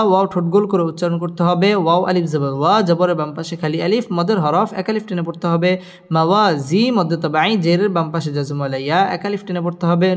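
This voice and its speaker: A man teaching Quran recitation, chanting each verse slowly and then explaining the pronunciation rules in quick, even speech. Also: high-pitched. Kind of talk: slow Quran recitation lesson with spelled-out tajweed rules. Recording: echoey hall with faint music.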